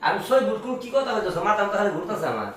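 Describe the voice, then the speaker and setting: A woman's voice: medium pitch, big pitch swings, rapid-fire, natural voice. A woman playing a wheedling young brother-in-law. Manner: wheedling, pleading. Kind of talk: comic village skit acting. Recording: echoey room from far off, faint hiss.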